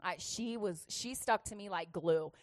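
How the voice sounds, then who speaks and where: A woman's voice: mid-range voice, a little slow, no room sound. A woman youth pastor telling a chatty, humorous testimony in a sermon, laughing often.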